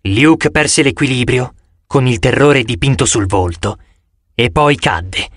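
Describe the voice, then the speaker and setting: A man narrating an audiobook in the first person with a dramatic, expressive reading. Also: medium pitch, takes it slowly, no echo, clean studio sound.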